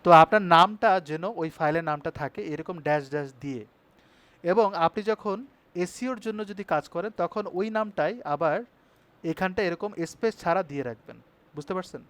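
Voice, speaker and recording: High-voiced man teaching a web design class. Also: fairly bright tone. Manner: brisk, checks in with students often. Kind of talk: live online class tutorial.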